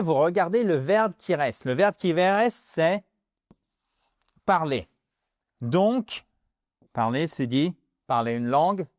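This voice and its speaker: A man giving an English lesson in French, explaining lively and switching into English examples. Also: fairly high pitch, dry recording, clean studio sound. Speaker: English teacher. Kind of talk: video lesson.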